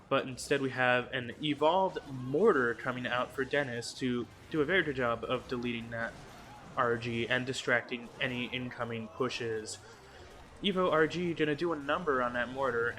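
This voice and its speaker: A man giving quick, excitable play-by-play commentary on an esports match, with jokey asides. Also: medium pitch, a little hiss or hum. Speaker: esports caster.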